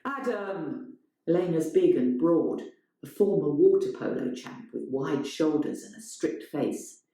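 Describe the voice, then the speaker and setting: Reading a scripted story like a play, a woman narrates dramatically in a low-pitched, warm voice, taking an unhurried pace. Heavy reverb fills the very echoey room.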